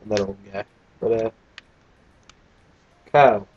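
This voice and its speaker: A man's voice: lowish voice, slow pace, darkish tone, lo-fi sound. A young man casually commentating a video game, tired and yawning, with a crude, joking, rambling manner. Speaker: let's play gamer.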